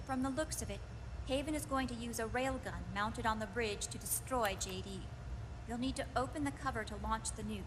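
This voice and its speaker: In scripted video game voice acting, a woman plays a grave, commanding officer leading a mission briefing. Her voice is on the high side, brisk, and natural, with background noise, music behind her, and long hall reverb.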